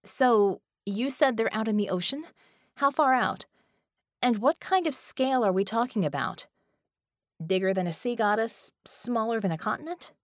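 A woman narrator voicing an earnest, practical young heroine with metal skin who talks briskly and in a businesslike way, in an audiobook. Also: fairly high pitch, animated, no echo, clean studio sound, voice pushed up, natural voice. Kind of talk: audiobook character voice.

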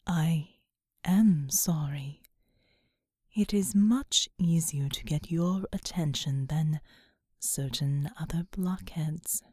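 A woman voicing an ancient, compassionate female angel in whispered role-play, with a low, slow and solemn whisper. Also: warm tone, breathy edge, dry recording, studio quality, heavily acted. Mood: apologetic.

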